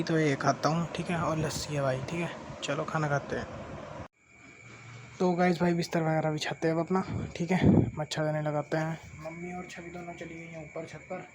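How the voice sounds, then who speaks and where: A young man narrating his daily vlog at home in a casual, chatty way, filling his talk with "bhai" and "theek hai" and sometimes dropping to a hush. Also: on the high side, little pitch movement, moderate pace. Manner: drops to a hushed voice at night. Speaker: vlogger. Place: family home and rooftop. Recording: noisy home phone recording.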